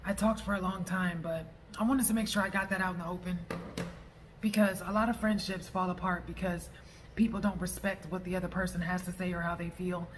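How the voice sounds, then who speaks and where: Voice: mid-range voice, little pitch movement, a little fast. Blunt, assertive vlogger with noisy background. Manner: casual speech with profanity. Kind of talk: personal vlog monologue addressed to a former friend.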